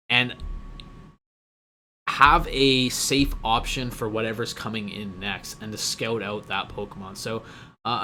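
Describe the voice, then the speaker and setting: A man's voice: on the low side, sharp tone, a little hiss or hum. A man giving a casual, rambling analysis of a competitive team, full of fillers and self-corrections, running short of breath.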